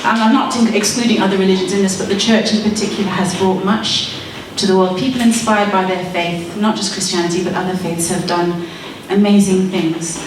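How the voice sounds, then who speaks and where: Speaking briskly with few pauses, this debater has a medium-pitched, steady voice. She's in her thirties, Malawian-born and Zimbabwe-raised, making an earnest, persuasive case laced with wry asides, recorded at a distance in a very echoey, noisy hall.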